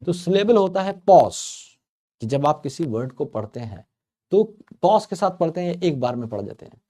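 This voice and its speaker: A man's voice: medium pitch, dark tone. A man teaching a grammar lesson in a chatty, storytelling way, playfully stretching out words to make a point. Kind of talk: explaining English grammar to learners.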